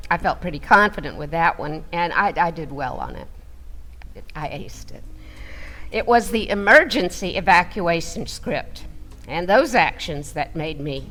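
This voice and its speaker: For a radio play, a woman plays an excitable flight attendant recounting her training in theatrical first-person storytelling. Her medium-pitched delivery is dramatic and deliberate, breaking into loud barked commands.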